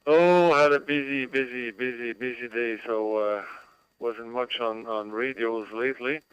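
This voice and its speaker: A man from Canada gives a casual, halting radio check-in, often repeating himself. His mid-range voice is very clean and dry over a two-way radio link with static. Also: medium pitch, steady tone, a bit bright, clean tone, dry recording, poor audio. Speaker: amateur radio operator checking in. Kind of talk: casual ham radio chat.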